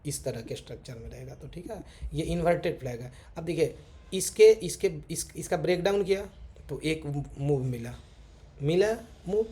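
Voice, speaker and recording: Trading teacher, mellow voice. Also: male voice, a little high, lively intonation, moderate pace. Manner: repeats "theek hai" constantly, talks while drawing on charts. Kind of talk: casual screen-share chart lesson. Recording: faint background noise.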